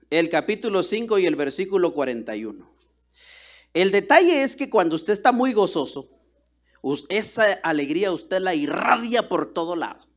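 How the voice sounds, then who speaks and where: A man from Guatemala, preaching a sermon and telling stories, acting out the dialogue in different voices. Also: high-pitched. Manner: animated, acts out dialogue with voices. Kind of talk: sermon with storytelling.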